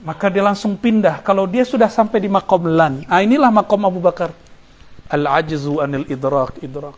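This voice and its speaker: A man's voice: sits high, moderate pace. A middle-aged man with an Indonesian accent, an Islamic preacher giving a religious lecture, explaining Arabic terms and joking with listeners.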